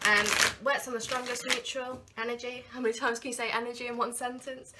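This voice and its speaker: A woman in her thirties, nursing a cold, does a brisk, chatty tarot reading to a camera at desk distance in a small candlelit room, with a little hiss or hum audible. Her voice is fairly high, and she gestures animatedly while slipping into quoted inner voices.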